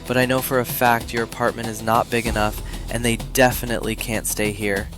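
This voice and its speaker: A man's voice: medium pitch, flat delivery, brisk, over music, natural voice. Male film role, acted: guarded college student, level delivery, middle register. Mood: reluctant. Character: reluctant, guarded student living in a dorm. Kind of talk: dramatic film dialogue.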